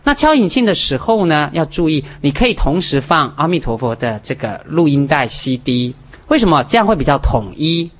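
Man, Buddhist teacher giving a dharma talk, lively swooping intonation, emphatic and direct with the audience. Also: fairly high pitch, normal speed. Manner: animated and emphatic, counting off points, talking straight to listeners.

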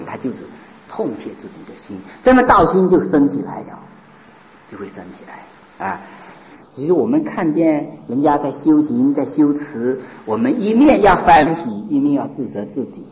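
A man, a Buddhist monk, giving a sermon with rhetorical questions and lively mimicry of people he describes. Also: fairly high pitch. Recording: dull lo-fi recording.

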